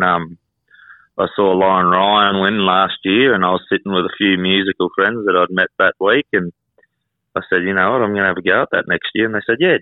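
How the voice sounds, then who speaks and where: Phone-like muffled sound, man in his 20s, rural Queensland Australian accent, deep pitch, laconic casual interview guest. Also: dry recording. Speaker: country singer and rodeo cowboy, interview guest. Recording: muffled, roughly phone-like line, dry.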